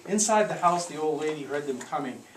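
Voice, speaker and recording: The storyteller reads aloud briskly to a live group, voice medium-pitched with lively intonation, staying theatrical and encouraging and offering coaching on the side. This audio theatre session was recorded by a far-off handheld camcorder in a noisy, echoey room.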